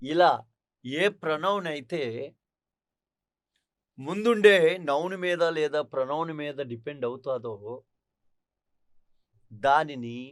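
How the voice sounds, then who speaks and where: A man's voice: on the high side, slow pace, long pauses, no echo, studio quality. A man teaching an English grammar lesson, explaining step by step and asking his class rhetorical questions. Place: online teaching studio.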